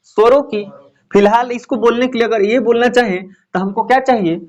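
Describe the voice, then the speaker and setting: A man's voice: very high voice, steady tone, moderate pace, a little mellow. A man teaching a Hindi grammar lesson, asking questions and answering them himself, with lots of repetition. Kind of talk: classroom lesson explaining grammar.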